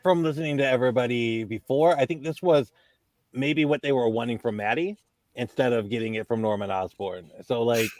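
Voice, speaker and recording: A man's voice: medium pitch, brisk, darkish tone, dry recording. A man co-hosting a comics podcast, enthusiastic and casually profane. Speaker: podcast co-host. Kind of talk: casual chat about comics.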